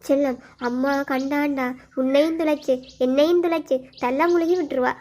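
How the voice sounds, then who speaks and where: Casting: woman playing a sad, soft-spoken young aunt, overworked and kind, very high, Sri Lankan Tamil accent. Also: steady tone, normal speed, lightly acted. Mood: tender.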